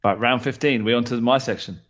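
A man's voice: mid-range voice, fairly even intonation, a little fast, a bit bright, lo-fi sound. A man co-hosting a casual podcast, trading dry, teasing banter. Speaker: podcast co-host.

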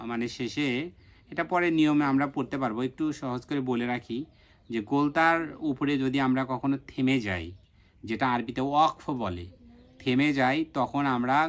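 A man teaching Quran reading in a recorded online lesson, slowly sounding out letters and syllables one at a time and repeating each one. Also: medium pitch, fairly bright tone. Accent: Bangladeshi Bengali.

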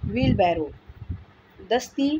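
A woman with a mid-range, animated voice speaks slowly as she gives a vocabulary lesson, patiently repeating each word while explaining it. She's a teacher, and the clip is a noisy home recording.

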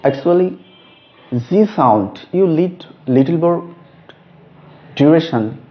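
A man teaching a lesson on letter names, speaking slowly and stressing each letter. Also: on the high side, lively intonation. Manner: slow, deliberate, stresses each letter name. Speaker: English teacher. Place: room with a whiteboard. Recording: dull lo-fi recording.

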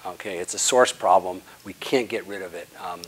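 Wearing a lapel mic, a guest speaker in his sixties answers audience questions after a lecture in a conference room. His low voice moves at a moderate pace, pressing hard on key words and letting the ends of phrases fade quietly. The rough recording has a little hiss or hum.

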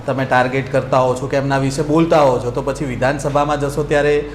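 A male interviewer presses a candidate with challenging questions. His voice is mid-pitched, with a roomy echo and faint noise behind. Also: steady tone, fast. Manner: probing, challenging.

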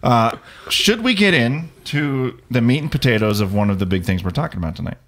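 A man's voice: medium pitch, animated, brisk, a bit bright. A young man hosting a casual geek talk show, joking, swearing and enthusiastic. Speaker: podcast host. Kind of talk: casual live-stream chat.

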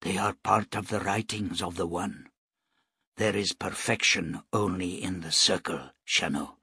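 A calm, devout shipbuilder speaks in a hushed, low voice, as a male narrator plays him. His words come slowly and with a slight huskiness. The sound is close and dry. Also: creaky, slightly rough, no echo, heavily acted. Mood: soft, reverent. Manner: soft, quiet and measured.

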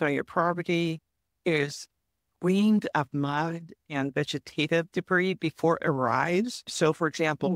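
A woman guest on a podcast interview, calmly explaining forest disease prevention in a measured, advice-giving way. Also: on the low side, no room sound, clean studio sound. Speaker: forest health guest expert.

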